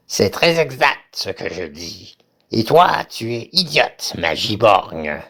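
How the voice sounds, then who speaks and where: A man playing a pompous, cowardly usurper king in a stage farce, with gravelly, menacing evil-emperor bluster. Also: fairly low pitch, big pitch swings, takes it slowly, a bit bright, full character voice. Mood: scornful, pompous. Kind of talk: theatrical farce acting.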